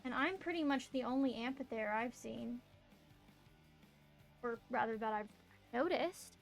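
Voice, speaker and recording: A woman chats casually on a live stream in a distinctly high voice. Her delivery is cute and bubbly, in the manner of an anime streamer. Music plays softly behind her. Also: unhurried, creaky. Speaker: VTuber streamer and artist. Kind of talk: casual live stream chat while drawing.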